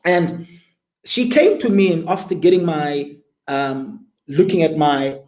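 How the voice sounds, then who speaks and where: A man's voice: a little high, animated, slow pace, darkish tone, echoey room, rough recording. A man, telling his story as an interview guest and pressing listeners with rhetorical questions. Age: 20s. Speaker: guest entrepreneur.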